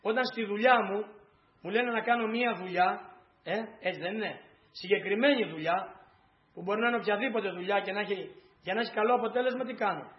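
High-voiced earnest male preacher. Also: highs cut off. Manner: earnest, repetitive, storytelling. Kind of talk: sermon.

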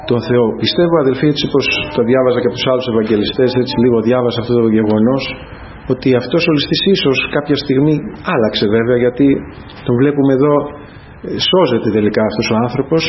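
A man preaching a sermon to a congregation, speaking earnestly and addressing them again and again as brothers. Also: medium pitch. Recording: dull lo-fi sound with faint noise.

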